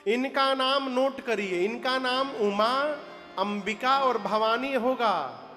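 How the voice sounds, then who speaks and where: A very high-voiced male preacher with an eastern Uttar Pradesh accent tells a devotional story slowly and deliberately, breaking into sung verses and pressing the listeners to answer aloud. His voice rings out in a large hall with long reverb, and soft devotional music plays behind him. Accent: eastern Uttar Pradesh (Purvanchal) Hindi. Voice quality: asks the audience to answer aloud. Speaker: Ram katha preacher.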